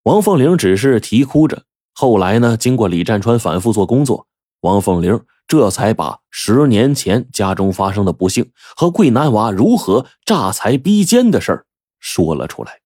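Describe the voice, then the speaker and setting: A man's voice: lowish voice, big pitch swings, moderate pace, mellow, no room sound, clean studio sound. A man telling a story in a chatty, digressive way with plenty of fillers. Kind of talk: casual oral storytelling.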